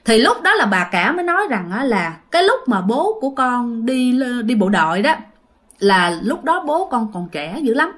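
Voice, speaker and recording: Young woman, chatty ghost-story narration, talks to listeners directly, slightly high voice. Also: very animated, moderate pace.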